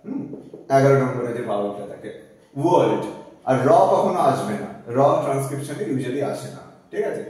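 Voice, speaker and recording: A man's voice: medium pitch, big pitch swings, a little fast, darkish tone, a little hiss or hum. A man teaching English phonetic transcription in a live class, breaking each word into single sounds and repeating it. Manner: spells out sounds one by one, repeating words. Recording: echoey room, far from the mic.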